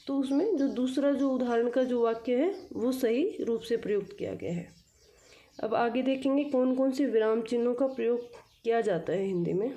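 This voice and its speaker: A woman's voice: on the high side, dark tone. A woman, explaining a school lesson, patiently repeating and rephrasing each point. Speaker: teacher.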